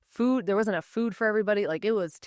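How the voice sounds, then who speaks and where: A woman co-hosting a podcast, chatting casually with lots of quick agreeing fillers. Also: medium pitch, no room sound, clean studio sound. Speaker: podcast co-host.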